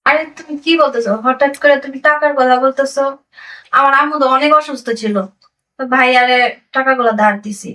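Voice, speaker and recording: A woman's voice: high voice, steady tone, brisk, pushed and bright, a little hiss or hum. A woman playing a deceitful young wife. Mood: defensive. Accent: Bangladeshi. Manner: pleading, wheedling. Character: deceitful young wife hiding spent money. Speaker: migrant worker's wife. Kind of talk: amateur drama acting. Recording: voice distant from the mic.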